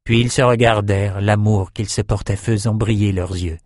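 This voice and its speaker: A man narrating a dark fantasy novel in a steady, even reading voice. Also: on the low side, normal speed, no echo, clean studio sound. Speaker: audiobook narrator.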